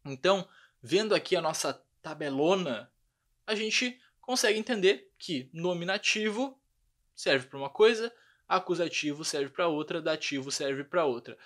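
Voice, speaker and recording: Bright-voiced man teaching a language. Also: a little high, normal speed. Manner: lively explanatory, frequent check-ins. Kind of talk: online language lesson.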